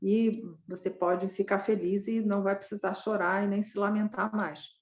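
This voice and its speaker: A woman's voice: medium pitch, level tone, normal speed, lightly acted. A woman voicing a remorseful Brahmin father mourning his son in a retold Buddhist tale. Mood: grieving.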